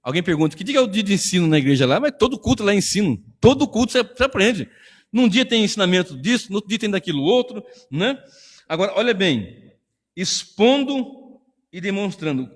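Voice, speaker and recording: A man preaching in Brazilian-accented Portuguese, his pitch sitting a little high and leaping up and down with animated emphasis. He talks to the congregation directly and conversationally. A long church reverb trails behind every phrase. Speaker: pastor. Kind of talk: sermon. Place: church hall.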